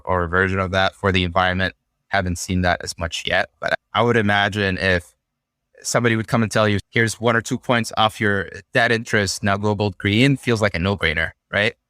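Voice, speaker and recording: A young man from Syria, a podcast guest, talking through ideas in a relaxed, thoughtful way with frequent fillers. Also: on the low side, brisk, no echo, studio quality. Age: young adult. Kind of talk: casual conversational interview.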